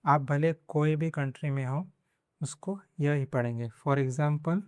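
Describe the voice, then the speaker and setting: Male language teacher, unhurried and repetitive delivery, dry close sound. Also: on the high side, a little mellow, clean tone, no echo. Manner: slow, repeats example words several times. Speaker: Spanish teacher. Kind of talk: language lesson in Hindi.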